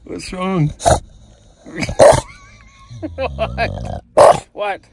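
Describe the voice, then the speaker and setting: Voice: medium pitch, wildly swooping pitch, extremely slow, gravelly, background noise. A vlogger talking casually to their dog on camera in a playful, amused, coaxing way. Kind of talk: casual talk to a pet on camera. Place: converted van.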